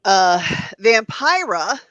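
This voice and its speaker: Female guest presenter, bright voice, casual chat and read notes, very little room sound. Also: on the high side, sing-song, takes it slowly, no room sound, muffled recording. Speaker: guest presenter of horror-host clips.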